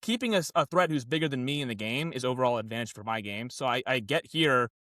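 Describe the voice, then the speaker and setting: A man co-hosting a casual reality-show recap, talking in an excitable, rambling way with frequent restarts. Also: mid-range voice, fast talker, dry recording, clean studio sound. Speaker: podcast co-host.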